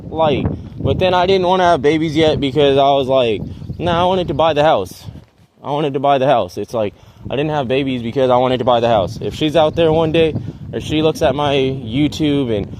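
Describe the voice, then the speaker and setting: A man in his 20s with a medium-pitched voice rambles restlessly in a vlog while out in a residential neighborhood, often trailing off. There is noise in the background.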